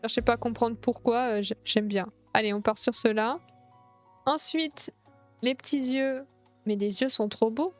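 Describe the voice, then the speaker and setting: A young woman streamer chatting excitedly while playing a game, gushing over everything she sees. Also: a little high, measured pace, soft background music. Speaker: Twitch streamer. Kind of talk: casual gameplay streaming.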